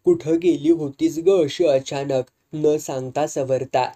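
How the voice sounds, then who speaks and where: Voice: mid-range voice, measured pace, mellow, lightly acted. A storyteller voicing a young daughter, anxious and soothing toward her family. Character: worried caring young daughter, soothing and urgent.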